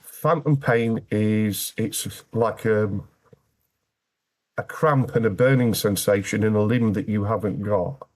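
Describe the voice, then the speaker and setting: A man's voice: lowish voice, slow pace. A British man speaking as an interview guest, telling his personal story candidly in a plain-spoken way with dry, wry humour.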